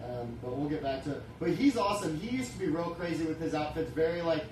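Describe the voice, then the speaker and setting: Guy co-hosting, kinda high voice, keeps losing his words, super echoey room. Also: quick pace. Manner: hesitant, groping for words, enthusiastic. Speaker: show co-host, interviewer. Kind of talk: casual interview chat. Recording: very echoey room, distant mic, noisy.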